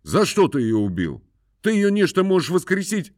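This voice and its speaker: A man's voice: high-pitched, huge pitch swings, moderate pace, a little mellow, dry recording, studio quality, pitched above the performer's own voice, full character voice. Man doing a pompous scolding landowner. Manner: moralizing, scolding, sing-song. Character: pompous preachy country landowner, male, scolding.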